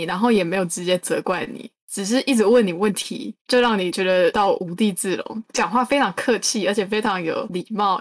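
Woman podcast co-host, 20s, emphatic reactions, mid pitch. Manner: reactive, laughing, emphatic commentary. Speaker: podcast co-host, graduate student. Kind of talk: casual podcast chat.

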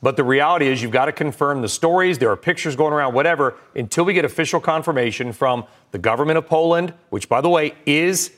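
American man, business news anchor, slightly raised pitch, rapid market news, live commentary, clipped phrasing. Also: fairly bright tone.

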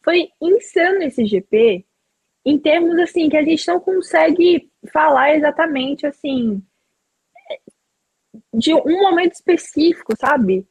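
A woman's voice: high voice, animated, a little slow, darkish tone, dry recording, rough recording. A woman hosting a casual chat, rambling with lots of fillers and enthusiasm.

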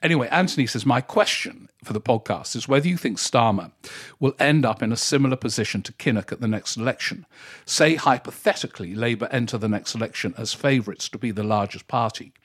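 Guy doing his podcast solo, chatty and thinking out loud, reading out listener mail. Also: medium pitch, brisk, husky. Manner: reflective, self-correcting, reads listener emails aloud. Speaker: podcast host. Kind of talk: casual solo podcast commentary.

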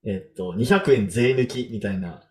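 In a relaxed podcast conversation, the male host talks at a moderate pace in a fairly low, mellow voice. His easygoing delivery is full of loose fillers as he thinks aloud.

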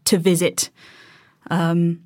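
A woman's voice: on the low side, monotone, slow pace, warm tone, no room sound, clean studio sound. A woman explaining space science in casual chat, with many ums and restarts.

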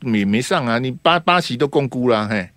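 A man hosting a call-in radio talk show, teasing and grilling his caller with rapid-fire questions. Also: medium pitch, expressive, a bit bright, dry recording, studio quality. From Taiwan.

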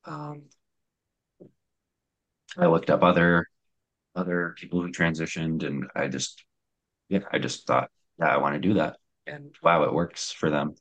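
Unhurried and pausing often, a young man with a very deep, slightly bright voice tells his own story. He comes across as hesitant and reflective, using many fillers and restarts.

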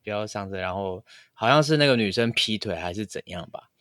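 乾聲的台灣腔男主持. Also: male voice, lowish voice, expressive, brisk, a bit bright, no echo, studio quality. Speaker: podcast co-host. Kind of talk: casual podcast chat.

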